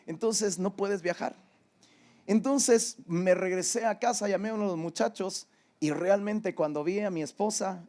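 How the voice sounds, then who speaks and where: A man's voice: sits high, darkish tone. An older man with a Mexican Spanish accent, preaching a sermon and telling a personal story in a conversational way. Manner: conversational storytelling, often asks "¿verdad?". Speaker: pastor.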